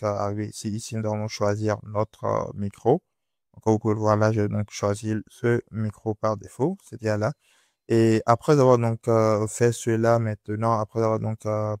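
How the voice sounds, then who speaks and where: Male tutorial presenter, lowish and flat in pitch, halting unscripted explanations, close dry voice-over. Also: creaky, no echo. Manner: hesitant, repetitive step-by-step explaining. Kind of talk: unscripted screen-recording software tutorial.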